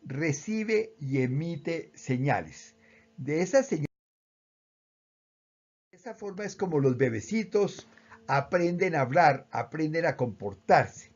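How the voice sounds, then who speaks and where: A man with a Colombian accent, calmly explaining how emotions work with everyday examples. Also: fairly high pitch, takes it slowly, pauses often, dull audio. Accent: Colombian Spanish. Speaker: speaker on emotional education. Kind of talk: explanatory talk.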